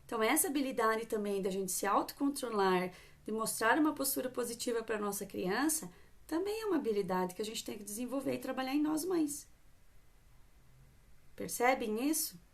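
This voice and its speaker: A woman, giving parenting advice to mothers on a live stream in an earnest, coaxing way, often acting out calm talks with a child. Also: a little high, normal speed. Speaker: parenting coach.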